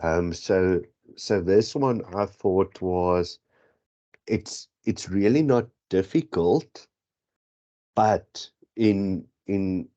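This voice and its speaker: This low, dark-toned male voice moves extremely slowly. The speaker, a South African whose native tongue is Afrikaans, rambles and self-corrects while tutoring statistics in an exam prep lesson recorded on dull lo-fi audio.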